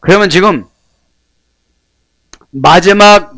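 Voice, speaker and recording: A man's voice: high voice, slow pace, gravelly, fairly bright tone, no echo. A male pastor preaching a sermon, prodding listeners with rhetorical questions.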